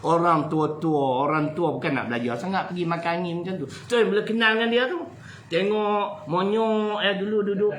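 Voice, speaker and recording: A man with a Malaysian Malay accent giving a lively, humorous religious lecture to an audience. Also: high-pitched, fairly quick, roomy sound, a little hiss or hum, low-quality recording. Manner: animated, jokey, switches between loud and soft. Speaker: preacher.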